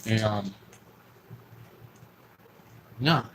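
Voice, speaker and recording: A man's voice: fairly low pitch, drawn-out words, slight background noise, rough recording. A young man telling a long personal story in a rambling, profane, casual way. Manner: rambling, profane, full of fillers and restarts.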